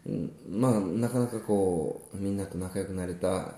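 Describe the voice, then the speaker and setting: Guy chatting on a podcast, lowish mellow voice, kinda rambly, echoey room. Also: moderate pace. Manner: relaxed, rambling storytelling with many fillers. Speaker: musician co-host. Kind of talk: casual podcast chat.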